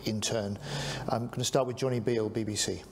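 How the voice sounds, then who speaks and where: A man hosting a press conference as defence secretary, calling on reporters by name and answering their questions in a measured way. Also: lowish voice, fairly even intonation, darkish tone.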